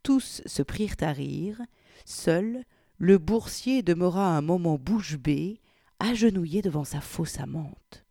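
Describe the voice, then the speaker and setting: Expressive female reader, mellow voice, lively intonation, dry close sound. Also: fairly low pitch, slow, dry recording. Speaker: reader presenting an anthology. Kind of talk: reading a story aloud, then casual commentary.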